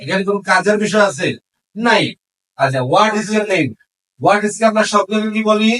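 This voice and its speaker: Male English teacher, classroom lesson, quizzes students, high voice, distant mic. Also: moderate pace, a bit bright. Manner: asks the class questions and repeats answers.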